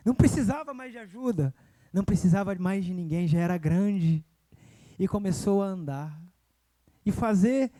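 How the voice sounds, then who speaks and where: A young man preaching a sermon in church, telling a personal story and rising to loud emotional cries. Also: high voice. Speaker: evangelist preacher. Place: church sanctuary.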